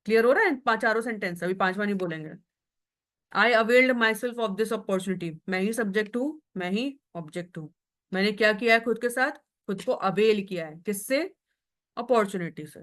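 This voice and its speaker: Woman grammar tutor, Hindi lecture, slow careful English examples, frequent check-ins. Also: medium pitch, a bit bright. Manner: explains in Hindi, reads English examples slowly; checks in with students often. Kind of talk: online class lecture.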